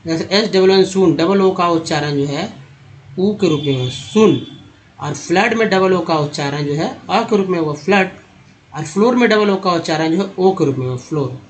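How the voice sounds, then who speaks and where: A man's voice: high voice, moderate pace, slight background noise. A man teaching English pronunciation, explaining step by step and repeating each word. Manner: repetitive, explains step by step, addresses viewers as friends. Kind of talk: spoken pronunciation lesson.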